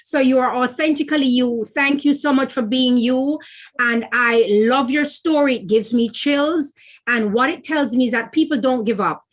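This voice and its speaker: High-pitched lady host, gushing and encouraging, chatty interview. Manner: warmly effusive, encouraging. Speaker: talk show host. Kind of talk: casual interview.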